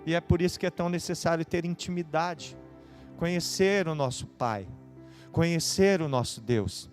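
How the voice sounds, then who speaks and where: A man preaching a sermon as pastor, with a São Paulo Brazilian accent, swinging between hushed and loud passages. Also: a little high, normal speed, faint music behind. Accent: Brazilian Portuguese, São Paulo.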